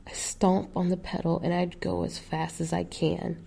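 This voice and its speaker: A woman tells a first-person horror story in a slow, gravelly voice that often drops into a whisper. Her tone is dark and low. She lets every sentence hang. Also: flat delivery.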